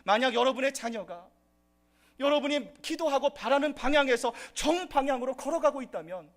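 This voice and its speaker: A man's voice: very high voice, animated, fairly quick, faint music behind. A man preaching a sermon as pastor at a church service, addressing the congregation and rising into impassioned outbursts.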